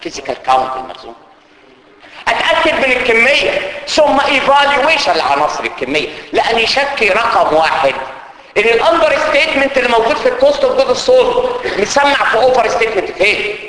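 Animated Egyptian man lecturing in an echoey hall. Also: very high voice, quick pace. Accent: Egyptian Arabic. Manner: animated and joking, mixes English audit terms into Arabic. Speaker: internal audit course instructor. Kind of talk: lively classroom lecture. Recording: echoey hall with faint ambience.

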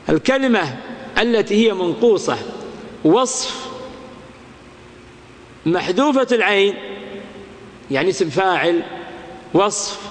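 A male grammar teacher giving a classroom lecture. He chants lines of verse slowly, then explains them with worked examples and quick questions to his students. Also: high voice. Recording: long hall reverb.

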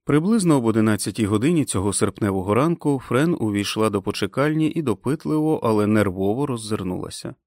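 A man reading an audiobook in a steady, even narration. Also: on the low side, fast, few pauses, no room sound, clean studio sound. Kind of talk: scripted narration.

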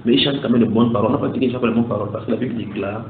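Animated male preacher, tinny echoey recording. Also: mid-range voice, rapid-fire. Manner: animated, rising to loud exhortation, mimics cheering fans. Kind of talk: sermon. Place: church hall. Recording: echoey room over a tinny phone-like line with faint noise.

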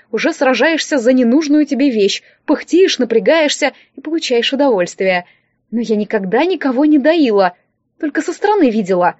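A woman telling a first-person audiobook story in a lively, playful way. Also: fairly high pitch, no echo. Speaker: audiobook narrator. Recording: dry, slightly dull audio.

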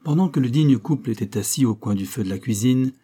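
A man narrates a classic novel at a measured, steady pace. His voice is husky and mellow, with a darker, soft tone. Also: mid-range voice. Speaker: audiobook reader.

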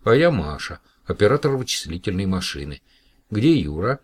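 A man reading aloud and voicing a lively, exclaiming young woman in a children's story. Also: sits low, normal speed, slightly rough, pitched above the performer's own voice, heavily acted. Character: young woman computer operator, emotional.

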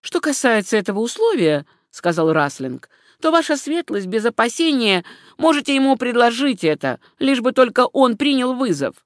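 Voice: medium pitch, very animated, normal speed, no room sound, studio quality, voice pushed up, close to an everyday voice. A narrator doing a wry knight captain. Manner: deferential, wry. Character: respectful mocking knight captain.

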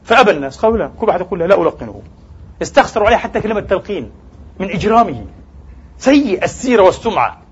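A man's voice: high voice, big pitch swings, very fast, husky, dull audio. A male preacher giving a Friday sermon, emphatic and swinging his voice up and down, addressing the congregation as brothers and sisters. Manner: emphatic preaching, rising and falling sharply.

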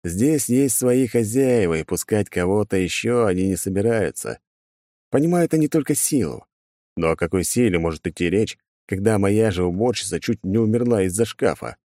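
A male narrator with a fairly low voice reads a first-person story in a measured, even manner. The recording is dry and close, with no room around it. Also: no room sound. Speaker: audiobook narrator.

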